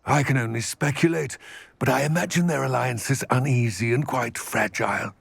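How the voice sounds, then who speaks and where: A man with a husky, mid-range voice plays a male goblin ally in a video game, speaking in a solemn, measured, formal way that is grave and deliberate. The recording is dry.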